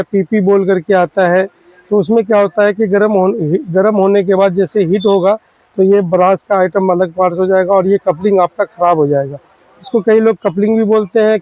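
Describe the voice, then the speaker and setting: A man's voice: sits high, darkish tone, no echo, rough recording. A man, a spare parts shop owner, explaining products to fellow shopkeepers in an earnest, pleading, repetitive way.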